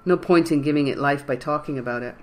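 A reader doing a calm, muttering young rover. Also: fast talker, close to an everyday voice. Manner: low muttering, steady and reasoning. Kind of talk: audiobook character voice.

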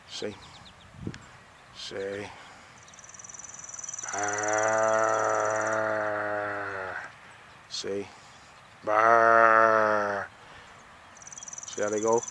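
Casting: gravelly-voiced man, rambling outdoor phone vlog, faint background noise. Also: fairly low pitch, a bit bright. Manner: rambling, repeats "see?" and "right there". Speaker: vlogger filming the sky. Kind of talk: casual filmed commentary. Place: outdoors beside a fenced yard.

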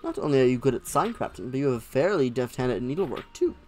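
A woman voicing a calm, dry female fairy in a game, with a measured, deadpan manner. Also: very deep voice, faint music behind.

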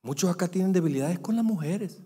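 Animated pastor in a reverberant hall. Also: male voice, high voice, fast, breathy edge. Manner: animated preaching, voice swinging from loud peaks to quiet asides. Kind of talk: sermon. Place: large church sanctuary. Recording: long church-hall reverb.

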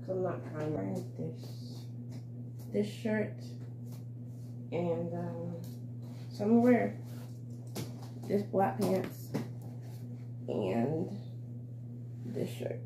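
A young woman with a groggy morning voice and a gravelly, creaky edge chats her way through getting ready at home, rambling and full of fillers. Her voice rings in a roomy space, with steady noise behind it. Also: on the low side, very slow, pauses often. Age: young adult. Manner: rambling, chatty, lots of fillers. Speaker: vlogger. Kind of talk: casual get-ready-with-me vlog. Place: home, indoors.

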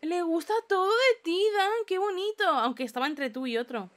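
Excitable young woman. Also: very high voice, moderate pace. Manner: animated, exclaims and laughs often. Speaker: gaming YouTuber. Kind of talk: excited let's-play commentary.

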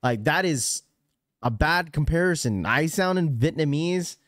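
Speaking from a small, blue-lit room, this young sneaker livestreamer has a fairly high, slightly bright voice with lively intonation and a slightly slow pace. The close studio mic on its boom arm picks up no echo. His casual chat is full of loose jokes, frequent laughter, and imitated voices.

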